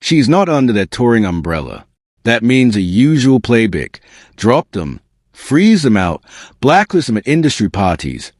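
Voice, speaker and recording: A man's voice: medium pitch, big pitch swings, a little slow, dry recording, studio quality. A man narrating a scripted exposé as host, with a smug, sarcastic, dramatic delivery and slangy phrasing. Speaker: host of a celebrity gossip video channel.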